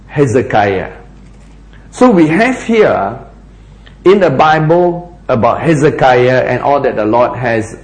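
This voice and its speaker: A man preaching a sermon in a slow, dramatic way, sometimes dropping almost to a whisper for emphasis. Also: a little mellow, low-quality recording. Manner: slow, dramatic delivery with big pitch swings, dropping to near-whispers for emphasis.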